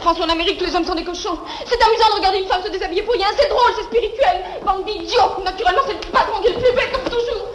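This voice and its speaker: An actress with a French accent playing a naive, emotional young would-be model in a 1930s film comedy. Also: female voice, extremely high pitch, brisk, noisy background. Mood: indignant. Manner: hesitant, emotional. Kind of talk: 1930s Hollywood comedy acting. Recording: old 1930s film soundtrack, music behind.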